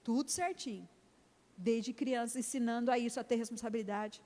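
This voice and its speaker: A middle-aged Brazilian woman pastor, speaking with a Brazilian Portuguese accent, preaches an emphatic sermon in a church hall and acts out conversations with her daughter. Her voice is a little high, brisk, and a little mellow, and the recording carries long church reverb.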